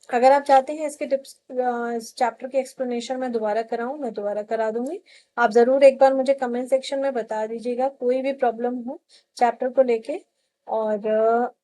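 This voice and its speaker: A woman teaching an online English lesson, explaining a textbook page step by step and reading English lines slowly and carefully. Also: on the high side, mellow, rough recording.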